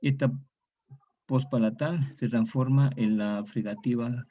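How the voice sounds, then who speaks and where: Man, teacher, mellow voice, repeats each key word, dull lo-fi recording. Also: mid-range voice, steady tone, unhurried. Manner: repeats each key word, often ends with a questioning tag. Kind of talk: online lecture on historical grammar.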